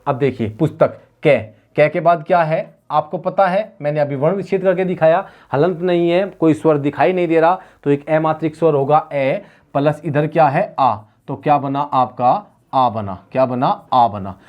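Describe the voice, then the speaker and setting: A man teaching Hindi grammar in an exam-prep lecture. He keeps asking rhetorical questions and answering them himself, and he repeats key words slowly. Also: fairly high pitch, highs cut off.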